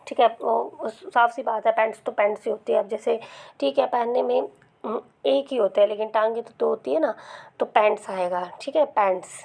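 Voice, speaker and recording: A woman teaching English grammar to exam students, explaining patiently and checking in often, sometimes dropping to a soft murmur. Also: on the high side. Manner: explains patiently with many repeated "ठीक है" checks. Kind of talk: Hindi-language grammar lesson with slides.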